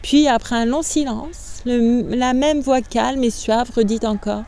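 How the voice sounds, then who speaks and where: Woman, literary reading, measured and expressive, fairly high warm voice. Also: slight background noise. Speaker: reader.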